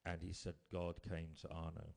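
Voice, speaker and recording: Male preacher, lowish voice, storytelling sermon, swings from bold to hushed. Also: level tone, moderate pace, creaky. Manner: storytelling, rising to emphatic bursts then dropping quiet.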